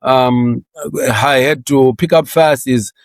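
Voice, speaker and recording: A man's voice: mid-range voice, slow pace, clear, resonant tone. A man in his sixties from Zimbabwe, a guest in a career interview, with a mid-range voice that sits right in the middle for a man. He talks in a loose, chatty way, often laughing and stumbling over repeated words at the start of his thoughts. The sound is close and dry, with no room echo.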